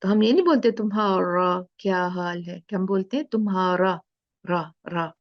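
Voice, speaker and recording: A woman teaching an online recitation class, patiently repeating sounds slowly to demonstrate them over a video call. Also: medium pitch, no room sound, dull audio. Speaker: tajweed teacher.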